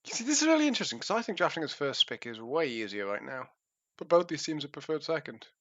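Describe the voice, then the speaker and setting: A man's voice: on the high side, sing-song, fast talker, fairly bright tone, dry recording, muffled recording. Man on a dry headset mic. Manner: casual, self-mocking patter. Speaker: esports caster. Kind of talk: live game commentary.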